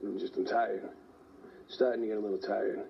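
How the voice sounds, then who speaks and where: A man's voice: on the low side, level tone, normal speed, gravelly. A man, out of breath, telling his own story in an interview with lots of "like" fillers. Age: 40s. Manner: rambling, fillers like "like". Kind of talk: personal account in an interview. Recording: dull lo-fi sound, faint hiss.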